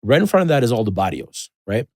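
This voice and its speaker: A man's voice: medium pitch, fast talker, no room sound. A man in a casual podcast conversation, talking in a loose, rambling way with lots of fillers. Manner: rambling, filler-heavy, animated storytelling.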